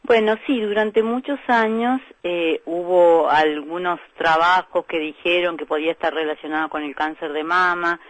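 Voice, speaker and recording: A woman doctor with an Argentine accent, calmly explaining medical points as a guest in a radio interview, with frequent hesitation fillers. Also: lowish voice, moderate pace, hardly any pauses, dry recording, rough recording. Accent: Argentine Spanish. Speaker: breast specialist doctor, guest.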